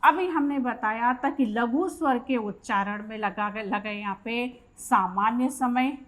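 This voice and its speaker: This slow, fairly high-pitched female voice has a bit of brightness. She's teaching Hindi grammar for exam prep, reading out each question and then explaining its answer one step at a time.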